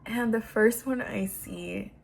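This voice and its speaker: A woman's voice: a little high, slow pace, creaky, slightly rough. A young woman telling a personal story casually, emotional and laughing through tears, with a lot of "like". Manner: casual, many fillers like "like".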